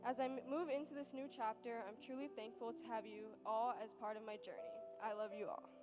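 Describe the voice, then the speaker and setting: A woman's voice: on the high side, fairly quick. Young woman reading heartfelt thanks over music. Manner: earnest and heartfelt, read aloud. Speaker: graduating student giving a tribute. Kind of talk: read thank-you speech at a ceremony. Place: large church sanctuary. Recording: reverberant hall with music underneath.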